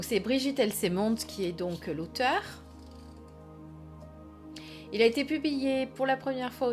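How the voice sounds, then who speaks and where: A woman chatting casually as she reviews a small tarot deck, reading bits aloud and joking now and then. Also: medium pitch. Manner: chatty, playful, reads aloud from the box.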